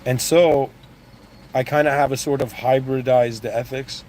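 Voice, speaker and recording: The recording is rough, with slight background noise, and the man's medium-pitched voice has a darkish tone, fairly even intonation and a measured pace. An Iranian-born motivational speaker raised in Canada, he gives a casual, rambling talk full of restarts, asides and "you know what I mean."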